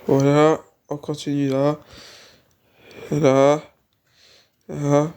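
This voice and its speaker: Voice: medium pitch, monotone, extremely slow, a little mellow, clear, resonant tone. A speaker a little sick, hesitantly narrating a casual game-building tutorial and repeating the same filler phrases. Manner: hesitant, repeats "voilà" and "on continue". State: slightly sick, sneezing. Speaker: Minecraft building tutorial creator.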